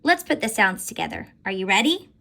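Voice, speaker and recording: A woman teaching a recorded phonics lesson to young children in an animated, sing-song teacher voice. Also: medium pitch, a little fast, creaky. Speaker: elementary school teacher.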